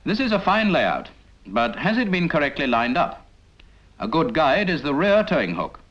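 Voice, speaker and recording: A dull 1950s film soundtrack carries a British man narrating a scripted military training film directly to the trainee in an instructional way. He sounds very animated, fairly high and a bit bright, at a moderate pace, and he is didactic, firing rhetorical questions at the trainee.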